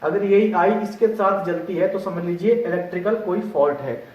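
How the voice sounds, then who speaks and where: A male instructor explaining a lesson step by step, often pausing to check that his students have understood. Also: high voice, lo-fi sound. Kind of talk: classroom lesson. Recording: echoey room, distant mic.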